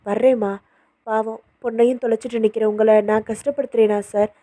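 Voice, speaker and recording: A woman doing a grieving older dad, soft and low, dry close sound, storybook voice. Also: little pitch movement, fairly quick, no echo, natural voice. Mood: gentle. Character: grieving older father, steady and stern.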